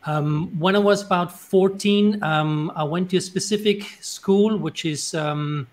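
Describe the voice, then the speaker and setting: A man in his forties from Austria with an Austrian German accent, telling his career story on an online panel over a video call, steady and friendly with frequent ums. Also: high voice, unhurried. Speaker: robotics professor, panelist. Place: home room with bookshelves. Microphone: video call with earphones.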